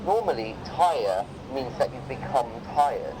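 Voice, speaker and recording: A man with a medium-pitched voice speaks as an English tutor in a casual one-to-one session. He explains in a tentative way that softens corrections. Noticeable ambient noise sits behind his voice. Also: very animated, a little slow. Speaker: English teacher correcting writing.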